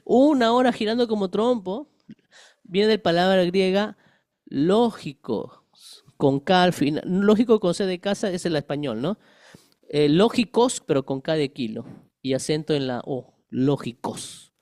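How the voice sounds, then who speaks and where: High-voiced male pastor teaching scripture. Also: lively intonation, a little slow, a little mellow, no echo, clean studio sound. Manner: asks the congregation rhetorical questions; explains with homely everyday examples. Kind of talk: conversational Bible-study sermon.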